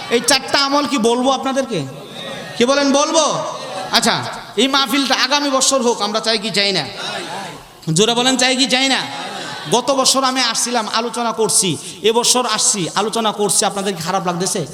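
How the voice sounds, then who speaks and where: A male preacher from Bangladesh addresses a large gathering through a microphone, pushing questions out to the crowd and playfully imitating regional dialects. His voice sits very high and bright, cutting hard through the PA. The sound rings with a long, roomy reverb from the big space. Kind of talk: Islamic sermon at a religious gathering. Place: large gathering under a tent. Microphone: handheld or stand microphone with PA.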